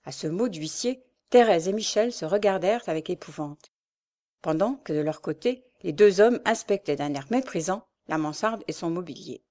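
A woman narrating a classic novel as an audiobook, measured and even. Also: on the low side.

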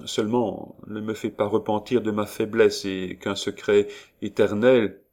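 A man's voice: fairly low pitch, fairly even intonation, measured pace. A man voicing a dignified noble father who speaks earnestly and with emotion, in a storybook reading. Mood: solemn, tender. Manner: earnest, gently solemn.

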